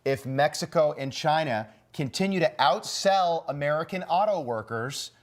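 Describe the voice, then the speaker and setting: A man's voice: fairly high pitch, expressive, moderate pace. A man hosting a morning cable news panel, talking in a loose, conversational way with fillers and restarts.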